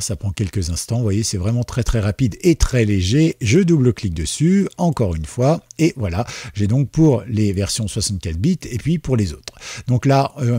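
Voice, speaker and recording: Husky-voiced man hosting a tech tutorial. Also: on the low side, no echo, clean studio sound. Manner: chatty and relaxed, with many fillers and asides. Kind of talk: casual screen-recorded software tutorial.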